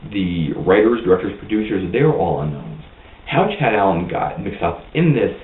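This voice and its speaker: A man giving a blunt, opinionated, rambling movie review in a casual vlog. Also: lowish voice. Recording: tinny lo-fi, roomy, mic far off.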